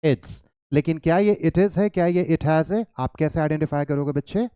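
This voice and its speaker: A man's voice: on the high side, brisk, mellow, clean tone, no room sound, clean studio sound. An Indian man teaching an English lesson, mixing Hindi and English and quizzing his students with coaxing questions. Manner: coaxing, questions to students, calls them "child".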